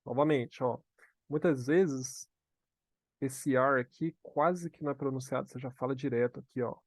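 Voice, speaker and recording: A man with a Brazilian Portuguese accent teaching a live online English lesson. He slows down to model phrases for students to repeat and checks in often with "tá?". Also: mid-range voice, no room sound. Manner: frequent "tá?" check-ins.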